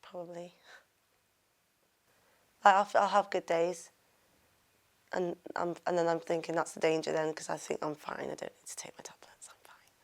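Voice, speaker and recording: A woman with a very low, gravelly voice gives a documentary interview. She speaks quietly and hesitantly, and her sentences trail off. Her pitch barely moves. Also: level tone, normal speed, long pauses. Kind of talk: documentary interview, personal account.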